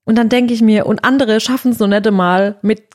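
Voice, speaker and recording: A young woman, chatting casually as a co-host and retelling a story with lively quoted dialogue. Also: on the high side, fairly quick.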